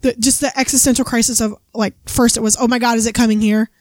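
A woman's voice: on the high side, little pitch movement, fast talker, darkish tone, dry recording. Dramatic twenty-something woman, dry sound. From Ohio, US. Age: 20s. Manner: dramatic, complaining. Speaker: podcast co-host. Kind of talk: casual chat.

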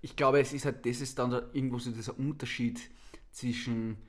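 A man's voice: mid-range voice, steady tone, a little fast. A man, a counselor co-hosting a casual talk, explaining thoughtfully with many restarts. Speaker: counselor and co-host. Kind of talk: casual conversational podcast.

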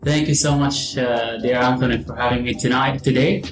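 A man in his forties from Gaza with a Palestinian Arabic accent, telling his personal story as an interview guest in halting, repeated phrases. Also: mid-range voice, fairly even intonation. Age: 40s. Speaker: interview guest, real estate executive. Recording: roomy echo, guitar music behind.

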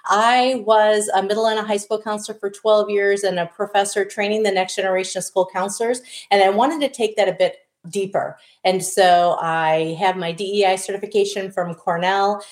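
A middle-aged woman from Wisconsin, USA, speaks with a local accent in a mid-range, steady voice at a moderate pace with few pauses. She's a diversity consultant appearing as an interview guest, chatting casually, poking fun at herself and often restarting sentences. The room sounds echoey.

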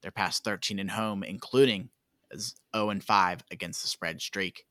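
A low-voiced man with a bright, forceful edge, reading betting lines briskly like an announcer. The sound is dry and close. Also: steady tone, dry recording. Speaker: podcast host.

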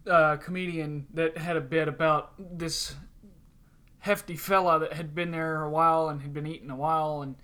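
A man's voice: on the high side, fairly even intonation, normal speed, sharp tone, smooth. A man from the Southern US with a light Southern accent, co-hosting a podcast in casual comedic chat. He is laid-back and agreeable, with frequent short affirmations. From Southern United States. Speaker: podcast co-host.

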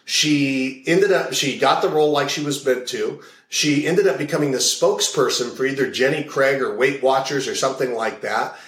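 A man's voice: medium pitch, normal speed, hardly any pauses, fairly bright tone. A man with a mid-range voice talks through his coaching work as an interview guest. He tells long anecdotes and hammers home his points by repeating phrases. The sound bounces around a roomy space. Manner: explains in long stories, repeats key phrases. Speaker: guest, hypnotist and values coach. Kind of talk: casual interview talk with anecdotes.

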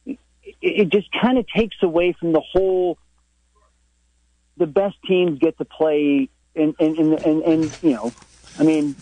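A man's voice: on the high side, steady tone, mellow, no echo. A man arguing a sports point over the phone on a radio show, often stumbling and repeating words. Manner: halting, repeats words as he argues. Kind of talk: sports debate on call-in radio. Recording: muffled phone line.

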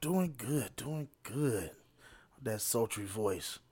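A man's voice: mid-range voice, expressive, slow, darkish tone, a little hiss or hum. A man hosting a casual late-night panel show, often repeating his phrases for emphasis. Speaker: podcast host.

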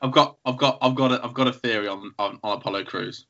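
A playful man co-hosting a podcast and trading jokey theories with a laugh. His voice is bright and forceful. The sound is a little muffled. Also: medium pitch, quick pace. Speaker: podcast co-host. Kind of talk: casual chat. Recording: slightly muffled.

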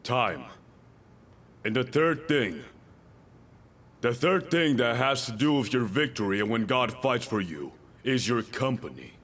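A man's voice: mid-range voice, very animated, a little slow, pauses often, fairly bright tone. A male pastor preaching a sermon, emphatic and repeating his key lines, with joking asides to the congregation.

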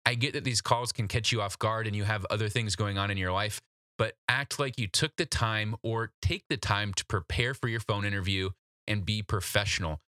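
Hosting a solo instructional podcast on job interview advice, a man coaches the listener in a direct, practical, conversational way. His voice is on the low side, pushed and bright, at a moderate pace, recorded in clean studio sound with no echo.

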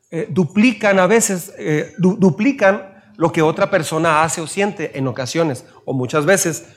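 A man with a Mexican Spanish accent preaching a sermon, asking his listeners questions and acting out little scenes in raised voices. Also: high-pitched. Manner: asks the audience questions. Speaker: pastor.

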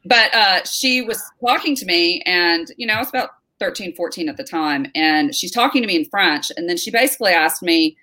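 A woman's voice: on the low side, brisk, few pauses. A middle-aged woman from North Carolina, a guest telling stories in a casual interview with many fillers. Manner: lively storyteller, many fillers and restarts.

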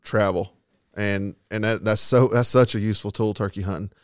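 A man's voice: on the low side, steady tone, moderate pace, smooth, dry recording, clean studio sound. A man hosting a casual chat, telling stories in a folksy, colloquial way. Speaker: podcast host. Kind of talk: casual chat, hunting storytelling.

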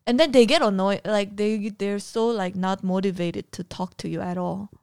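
A young woman co-hosting a casual podcast chat, animated and often laughing as she complains. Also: medium pitch, moderate pace, clear, resonant tone, dry recording, clean studio sound. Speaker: podcast co-host.

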